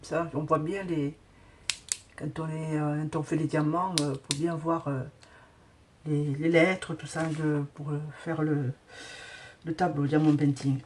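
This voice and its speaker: A woman's voice: low voice, little pitch movement, a little slow, a little mellow, slight background noise. A woman hosting a casual craft tutorial who hesitates often with fillers while she sorts beads and talks to viewers.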